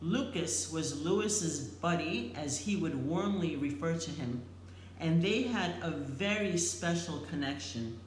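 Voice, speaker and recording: A middle-aged or older woman reads a prepared eulogy in a tender, solemn, slightly faltering way with deliberate phrasing. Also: sits low, animated. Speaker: eulogist, family member. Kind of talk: prepared eulogy read aloud. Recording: echoey room, faint background noise.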